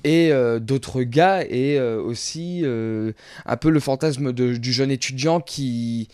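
A man's voice: mid-range voice, slow pace, darkish tone, smooth. A man hosting a casual radio film chat, speaking hesitantly with many filler sounds and restarts. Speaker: radio host. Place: radio studio.

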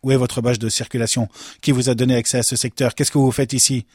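A man's voice: medium pitch, little pitch movement, fast talker, a little mellow, breathy edge, no echo, clean studio sound, pitched above the performer's own voice, lightly acted. A man voicing an indignant prison director who scolds his staff in an outraged tone.

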